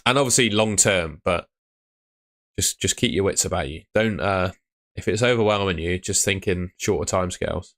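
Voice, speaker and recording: His voice is deep and fairly bright at a normal speed, though he's starting to lose it. The young man streams fantasy football from his room, giving blunt, chatty answers to viewers' questions.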